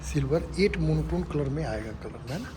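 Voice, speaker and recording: A man's voice: on the high side, expressive, brisk. A man reviewing a car as he walks around it, listing features and checking in with tag questions like "right?". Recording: noisy on-location recording.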